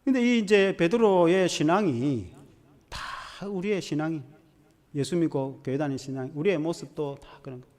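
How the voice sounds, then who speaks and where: A man's voice: a little high, moderate pace, darkish tone. A male pastor preaching a sermon in a church, telling the story with animation and acting out quotes. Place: church sanctuary. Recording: long church hall reverb.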